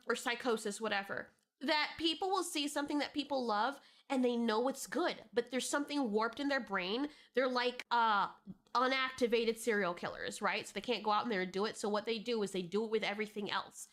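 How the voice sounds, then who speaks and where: A woman's voice: on the high side, fairly bright tone. A young adult woman co-hosting a reaction show, ranting in heated, exasperated casual chat and swearing freely. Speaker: co-host reacting to clips.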